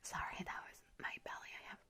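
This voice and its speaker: A woman's voice: fairly quick, sharp tone, close to an everyday voice. A young woman playing a gleeful young witch who casts hexes, in a whispered role-play, with a playfully sinister, giggly, chatty manner. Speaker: ASMR creator.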